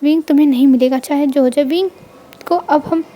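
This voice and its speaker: A woman's voice: high voice, steady tone, fairly quick, mellow, lightly acted. A woman voicing a smug, stern, unyielding matriarch in a storybook retelling. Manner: cold and commanding.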